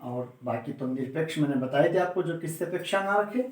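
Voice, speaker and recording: A man's voice: fairly high pitch, expressive, fairly quick, echoey room. A man teaching a grammar lesson, stressing and stretching key words and answering his own questions to the class. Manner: emphatic, repeats and drags out key words; asks students questions and answers them himself.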